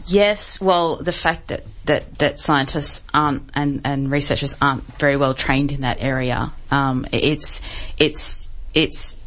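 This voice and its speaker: A woman's voice: extremely low pitch, steady tone, measured pace, few pauses, a bit bright, low-quality recording. A woman, a campaign organiser answering casually as an interview guest, hesitant and often restarting.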